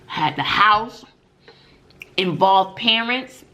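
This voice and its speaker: This is casual story time and opinion talk from a middle-aged mukbang vlogger who teaches middle school, addressing viewers emphatically with rhetorical questions and frequent "mm-mm"s. She speaks extremely slowly in a medium-pitched, expressive voice with a sharp tone.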